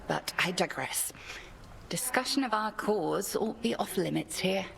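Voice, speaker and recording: An actress voicing a stern ancient witch goddess in a video game, speaking in a formal, measured and reserved way. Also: mid-range voice, expressive, gravelly, a bit bright, a little hiss or hum, heavily acted.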